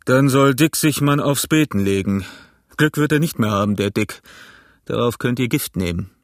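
A man's voice: mid-range voice, lively intonation, normal speed, no room sound, studio quality, natural voice. A man voicing a sly, mocking old pirate cook in an audiobook, talking with jovial sarcasm. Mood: scolding. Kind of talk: audiobook character voice.

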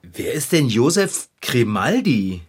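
Woman as a friendly bicycle shop owner; soothing, hesitant, low pitch with a lively melody. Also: takes it slowly, breathy edge, heavily acted. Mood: kindly. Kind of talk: children's radio play acting.

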